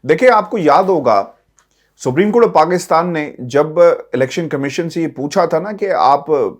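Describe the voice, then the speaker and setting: A man with a Pakistani accent offers news commentary to his viewers as a political vlogger, speaking emphatically with rhetorical questions and repeated phrases. His voice is on the high side, animated, and moderately paced.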